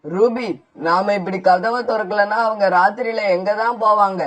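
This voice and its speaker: A man's voice: sits high, fairly even intonation, moderate pace, a bit bright. Rana, a man voicing a curt unfaithful father sparrow. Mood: dismissive. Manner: curt and dismissive. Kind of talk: cartoon voice acting.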